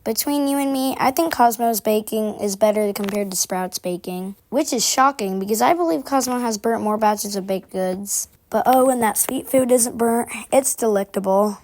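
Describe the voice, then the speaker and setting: A woman's voice: on the high side, normal speed, hardly any pauses, a little mellow, natural voice. A woman voicing a prim, busy, gossipy game character who confides in formal phrasing, aloof but chatty. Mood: gossipy, confiding. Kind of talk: scripted character monologue.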